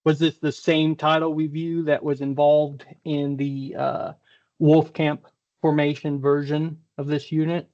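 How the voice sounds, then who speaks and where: A man speaks over a video call, carefully questioning a witness in a formal hearing. He pauses often, and his voice sits a little high. The call audio is dull and lo-fi. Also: level tone, a little mellow. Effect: heard over a video call. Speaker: technical examiner at a hearing.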